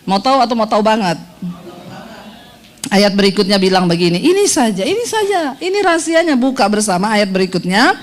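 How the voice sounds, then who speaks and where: A woman's voice: medium pitch, lively intonation. A middle-aged woman pastor preaching a sermon, teasing the congregation and acting out quoted voices. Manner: humorous, teasing the congregation with quick asides; acts out quoted voices in dialogue.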